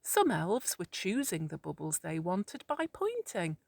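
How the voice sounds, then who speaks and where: Slow, soothing woman reading a children's story. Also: fairly low pitch, wildly swooping pitch, vocal fry, darkish tone, no echo, studio quality. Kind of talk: calm therapeutic children's story narration.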